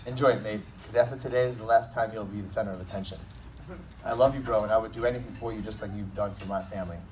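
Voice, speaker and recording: A man's voice: on the low side, steady tone, very fast, a little mellow. A man delivering a comedic best man's wedding speech in a joking, teasing, informal manner. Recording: distant mic, noisy room recording.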